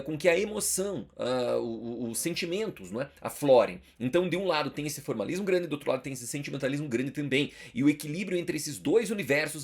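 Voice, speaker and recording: Young adult Brazilian male teacher, husky, informal and slangy, for a friendly exam-prep lecture. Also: a little high. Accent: Brazilian Portuguese. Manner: chatty, slangy, checks in with listeners constantly.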